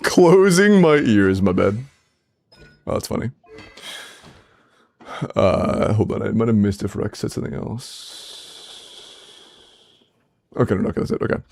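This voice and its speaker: Lively, bantering young man streamer. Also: on the low side, a little slow, gravelly, pauses often. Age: 20s. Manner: playful, bantering with chat; laughs often. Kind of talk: casual livestream chat reviewing game accounts.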